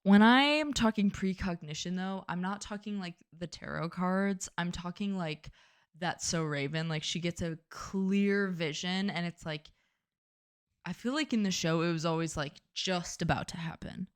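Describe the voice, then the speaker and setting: A woman's voice: fairly low pitch, normal speed, clear, resonant tone. A young woman co-hosting a podcast in casual chat, talking chattily and self-deprecatingly with lots of "like.". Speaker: podcast co-host.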